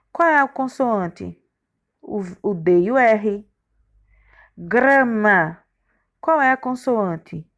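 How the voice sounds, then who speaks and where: A woman teacher, giving a recorded grammar lesson to young children and spelling out letters and syllables one by one. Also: a little high. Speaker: primary school teacher.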